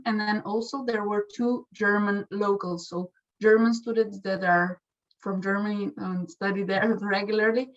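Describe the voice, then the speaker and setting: A young woman gives a casual testimonial about her time as an exchange student, restarting sentences often and using many fillers. Her voice is medium-pitched, and the recording sounds lo-fi.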